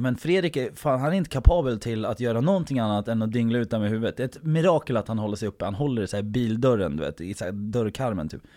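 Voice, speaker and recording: A man's voice: mid-range voice, darkish tone. A man telling a long anecdote in casual podcast chat, acting out quotes and swearing casually.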